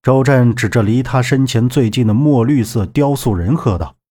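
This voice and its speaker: A man narrating an adventure audiobook with dramatic, expressive storytelling. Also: medium pitch, normal speed. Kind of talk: scripted narration.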